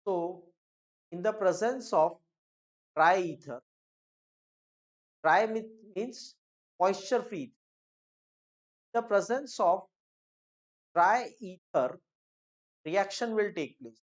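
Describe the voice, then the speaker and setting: A woman with an Indian accent teaching a chemistry lesson, switching between Hindi and English, explaining step by step, repeating key phrases and checking in with "okay?" and "clear?". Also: mid-range voice, animated, takes it slowly, long pauses. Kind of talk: classroom lecture mixing Hindi and English.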